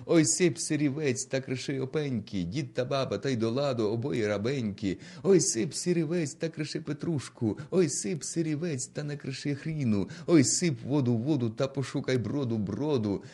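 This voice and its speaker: A man's voice: mid-range voice, mellow. A man doing a jaunty blind old minstrel. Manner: rhythmic, jaunty chanting. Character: blind old male minstrel singing a bawdy dance song.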